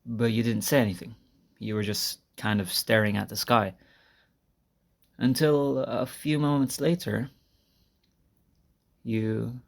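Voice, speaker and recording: Using a full, creaky character voice, a man plays a shy high school senior in a tender, confessing roleplay monologue to his crush. He speaks softly and hesitantly, conversational with sighs and small laughs, captured on an amateur recording lacking a proper microphone.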